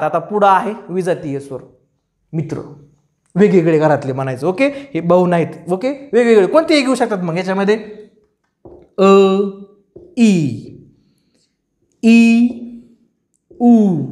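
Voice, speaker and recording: A male teacher giving a grammar lesson for exam students, repeating terms and asking the class questions. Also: extremely high pitch. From Maharashtra, India. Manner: repetitive, drilling, questions to students.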